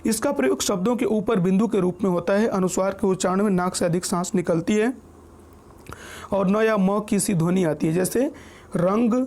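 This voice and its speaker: Teaching an exam-prep grammar lesson, a man explains things step by step, reads out lists of example words, and frequently checks in with the listener. His voice sits high with a darkish tone, and his pace is moderate.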